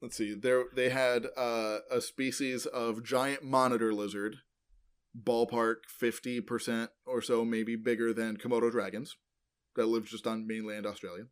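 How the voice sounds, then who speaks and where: A smooth, mid-range male voice with a level tone belongs to a podcast co-host casually explaining paleontology. His delivery is loose and meandering, full of filler like "um," "uh," and "like," with frequent self-corrections.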